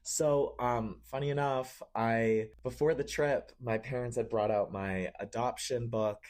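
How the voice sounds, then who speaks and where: A man's voice: mid-range voice, fairly even intonation, measured pace, a little mellow. A young man from Cambodia, a marketing manager interviewed as a guest, talking casually with frequent fillers and easy laughs.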